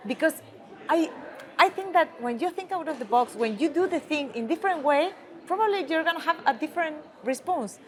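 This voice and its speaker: A woman's voice: sits high, lively intonation, a little fast, slight background noise. Chilean woman interviewing, searching for words. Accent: Chilean Spanish. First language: Spanish. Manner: thoughtful, searching for words in English. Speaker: interviewer, TV journalist. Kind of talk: conference interview.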